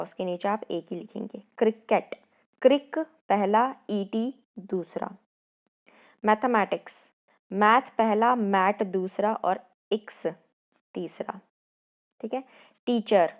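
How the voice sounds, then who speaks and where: A woman's voice: medium pitch, darkish tone. A woman teaching schoolchildren a lesson, patient, often stopping to check that they follow. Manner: patient, repeats "theek hai" to check understanding. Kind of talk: classroom lesson explaining a poem and syllables.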